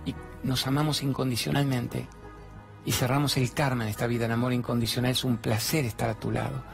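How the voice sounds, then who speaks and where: A man's voice: medium pitch, flat delivery, brisk, creaky, faint music behind. A man with an Argentine accent giving a motivational talk, colloquial and blunt, acting out dialogues as he tells stories. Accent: Argentine Spanish. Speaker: spiritual speaker. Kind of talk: motivational stage talk with storytelling. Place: studio with two fixed cameras.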